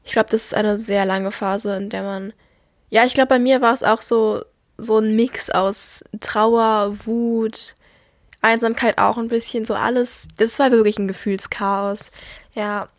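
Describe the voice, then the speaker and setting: A woman's voice: on the high side, steady tone, measured pace, dry recording, studio quality. A young woman talking casually and personally as a podcast host, in an earnest, reflective, somewhat subdued manner. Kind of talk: personal monologue, casual confiding talk.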